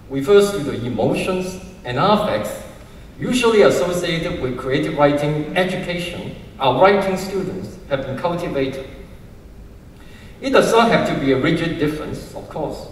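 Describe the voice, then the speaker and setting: A man's voice: on the high side, a little hiss or hum. A man heading a university department, reading a formal commencement speech from notes at a stage mic. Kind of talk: prepared speech read from notes. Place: large hall, on stage at a standing mic. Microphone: stand mic. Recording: roomy hall sound, heard from a distance.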